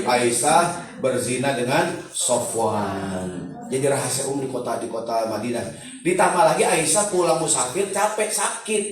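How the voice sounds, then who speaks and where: A man preaching, telling stories with jokes and acted-out dialogue. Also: mid-range voice. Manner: animated, joking, acts out dialogue. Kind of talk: humorous sermon storytelling. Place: large conference hall. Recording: echoey hall from far off.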